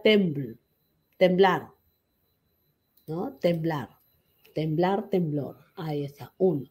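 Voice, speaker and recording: A woman's voice: mid-range voice, a little mellow. A middle-aged woman teaching an online class, chatty and teasing with her students. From Peru. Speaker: language teacher.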